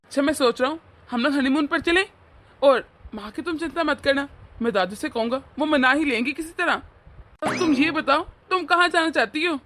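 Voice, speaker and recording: A woman voicing a young husband and caring son in a cartoon, gentle and eager to please. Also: high-pitched, moderate pace. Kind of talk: animated cartoon voice acting.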